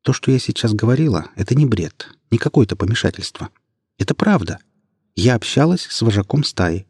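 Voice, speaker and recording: A man voicing a young woman, a budding witch, speaking calmly, coldly and firmly in an audiobook. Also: mid-range voice, fairly quick, slightly rough, no echo, studio quality, voice pushed up. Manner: calm, cold and firm.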